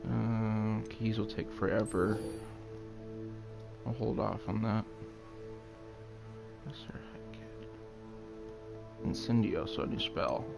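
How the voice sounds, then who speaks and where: A man's voice: lowish voice, fairly even intonation, slow pace, creaky, pauses often. A man streaming a game in casual commentary, tired and scratchy-voiced from just waking up, swearing casually and chatting to viewers. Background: game music.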